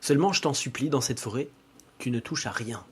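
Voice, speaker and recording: A man voicing a calm, weary talking cow in a spoken folk tale. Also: medium pitch, a little fast, slightly rough. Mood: warning. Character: laid-back smoking talking cow, female.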